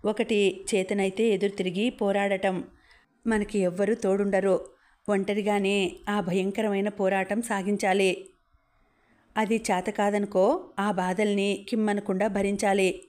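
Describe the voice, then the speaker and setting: A woman reading the lines of a calm, kindly young man who patiently gives advice. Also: mid-range voice, a little slow, lightly acted. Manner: steady, patient, reassuring.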